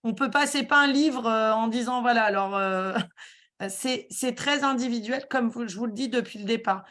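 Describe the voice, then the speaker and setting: A woman giving a talk on a webinar, halting often with fillers and restarts. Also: a little high, fairly bright tone. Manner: hesitant, many fillers and restarts. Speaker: guest speaker.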